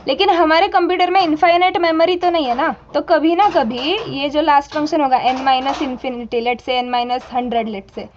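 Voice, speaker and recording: A woman's voice: sits high, steady tone, normal speed, hardly any pauses, muffled recording, slight background noise. A young woman teaching a programming class, explaining step by step in a mix of Hindi and English and asking her students questions. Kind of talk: live coding lesson.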